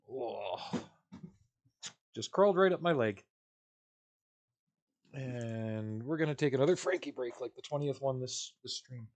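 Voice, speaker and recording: A man talks to his live stream viewers from home as he works on a model kit. His speech is relaxed and meandering, scattered with fillers and soft chuckles. His voice sits at an everyday, middle pitch. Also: normal speed, pauses often. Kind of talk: casual chat with a live stream audience.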